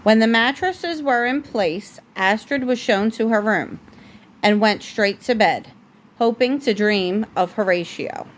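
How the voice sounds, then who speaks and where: A woman reads a storybook aloud at home as a parent, her voice fairly high and a little slow. She makes casual asides and now and then stumbles over words, in a noisy home recording.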